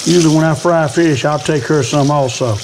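A man's voice: on the high side, a little fast, background noise. An older man with a Southern US accent, talking viewers through a how-to in a folksy old fisherman manner, often repeating his phrases. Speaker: cooking and fishing video host. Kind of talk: casual how-to chat.

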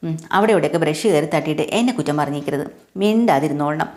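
A woman voicing a caring, cheerful young woman who gently scolds her elders. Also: sits low, fast talker, natural voice.

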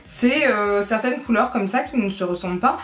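A woman's voice: mid-range voice, expressive, moderate pace. Chatty woman vlogger in an echoey room. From France. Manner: chatty, explains as she works, frequent fillers. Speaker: beauty vlogger. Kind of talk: casual makeup tutorial chat.

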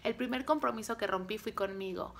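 Animated Mexican woman telling a motivational story. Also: medium pitch, brisk, gravelly. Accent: Mexican Spanish. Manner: animated, acts out dialogue, punchy short phrases. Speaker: direct-sales team leader.

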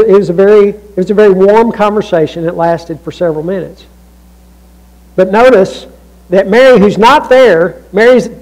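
In a church, a male pastor preaches a sermon conversationally, with restarts and asides. His delivery swings from raised emphasis down to near-hushed lows, and the recording is rough.

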